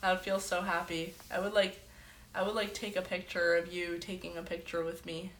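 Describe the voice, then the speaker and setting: A woman's voice: lowish voice, flat delivery, normal speed, a bit bright, roomy sound, slight background noise. A woman hosting a casual livestream from her bedroom, telling stories in a chatty way full of "like". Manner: chatty storyteller, heavy "like" filler. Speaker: livestream host.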